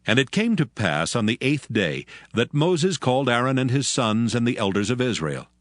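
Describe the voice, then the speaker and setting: A man narrating scripture from a script in a solemn manner, with measured phrasing. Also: mid-range voice, sing-song, no room sound, clean studio sound. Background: music.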